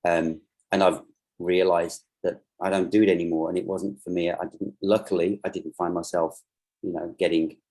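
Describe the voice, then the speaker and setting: Male interviewer, deep voice, rambling questions, video-call audio. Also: little pitch movement, normal speed, darkish tone, poor audio. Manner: rambling questions full of fillers.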